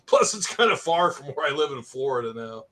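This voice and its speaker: A man's voice: medium pitch, very animated, a little fast, bright, forceful tone. A middle-aged man telling rambling stories in a casual chat, laughing often.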